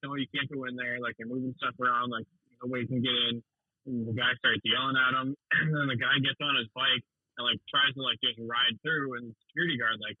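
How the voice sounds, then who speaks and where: A man talks by phone from the road and tells a long, meandering story, with casual swearing and frequent laughter. His voice sounds somewhat husky. The line is muffled and dry, with no room sound. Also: mid-range voice, no room sound. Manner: rambling storyteller, swears freely, laughs often. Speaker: suspension tech calling in. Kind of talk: casual phone call while driving. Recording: muffled phone-call audio.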